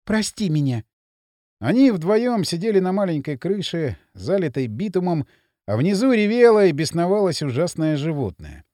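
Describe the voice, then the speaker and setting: A man narrating an audiobook with an expressive, dramatic reading. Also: high-pitched, moderate pace, dry recording, clean studio sound. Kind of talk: scripted narration.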